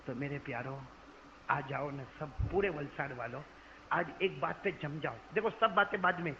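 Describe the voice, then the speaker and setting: A man's voice: on the high side, bright, forceful tone. A man preaching a storytelling sermon to a congregation, dramatic and speaking directly to his listeners, on a dull, slightly noisy recording. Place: gathering before a congregation. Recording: dull lo-fi recording with faint noise.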